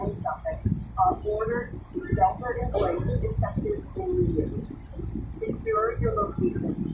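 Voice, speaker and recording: A woman's voice: very high-pitched, full character voice. A woman playing a tense radio newsroom announcer in a broadcast drama, urgent and emphatic. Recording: very noisy, echoey, distant radio broadcast.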